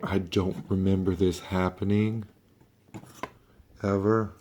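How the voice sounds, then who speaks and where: A man with a low, monotone voice, sounding sick as he walks through a toy review. His delivery is casual, halting and offhand. A light layer of noise sits behind him. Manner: offhand, halting, mildly sweary. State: sick, under-the-weather voice.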